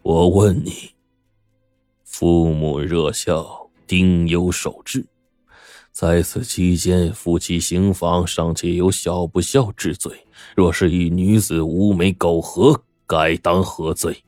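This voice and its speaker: A man's voice: low voice, a little slow, a little mellow, no echo, studio quality, faint music behind. A man storyteller voicing a bitter, scornful rich old squire who speaks coldly and accusingly, in storytelling with acted dialogue. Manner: cold, mocking, accusing.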